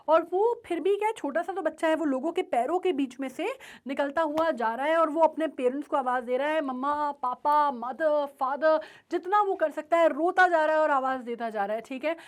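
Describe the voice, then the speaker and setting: A woman's voice: high-pitched, fairly quick, hardly any pauses. A woman teacher explaining a chapter, mixing English terms into her speech and often checking in with the class. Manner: explains with frequent check-in questions; mixes Hindi and English terms.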